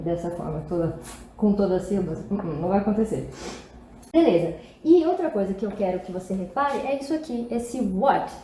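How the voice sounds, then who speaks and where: A woman's voice: a little high, dark tone. A woman with a Brazilian Portuguese accent teaching an English lesson in a chatty, upbeat way, full of rhetorical questions. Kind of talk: casual video lesson. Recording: echoey room, faint background noise.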